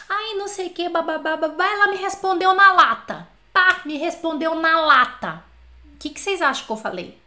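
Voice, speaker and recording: A Brazilian woman teaching French on a casual live stream, telling anecdotes in a chatty, animated way and talking straight to her viewers. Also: high-pitched.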